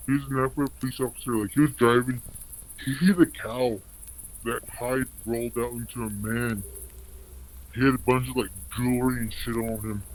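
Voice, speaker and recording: A man's voice: mid-range voice, fairly even intonation, moderate pace, rough recording. Anonymous male storyteller with an electronically altered voice, rambling and casual. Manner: rambling, filler-heavy, many "like"s. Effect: voice electronically altered to disguise it.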